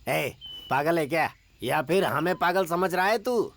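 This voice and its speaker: A man dubbing an ageing, cowardly henchman in a Hindi film, gruff and blustering. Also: a little high, lively intonation, unhurried, a bit bright, full character voice. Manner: gruff blustering, whiny when scared.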